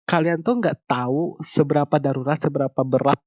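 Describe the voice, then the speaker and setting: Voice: medium pitch, fairly even intonation, fairly quick, no echo, lo-fi sound. A young host, chatting casually and mixing English phrases into the talk while giving advice. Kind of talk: casual chat.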